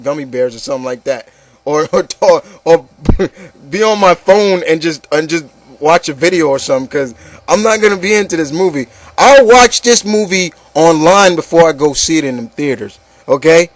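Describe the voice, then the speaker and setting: The recording is dry, and his slightly high voice moves at a moderate pace. Bluntly exasperated, this opinion-show host complains with his co-host, cursing, stammering and repeating words and phrases.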